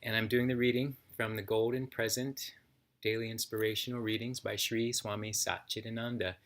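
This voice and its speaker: A man, a yoga teacher, reading a daily passage aloud and then reflecting on it in a calm, unhurried way. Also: on the low side. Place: yoga center, indoors.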